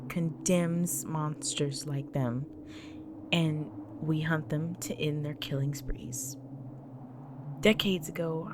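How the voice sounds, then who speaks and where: A woman plays a grave, devoted vampire wife in an intimate audio roleplay, addressing the listener solemnly and often in a breathy whisper. Her voice sits low, and the background is noisy.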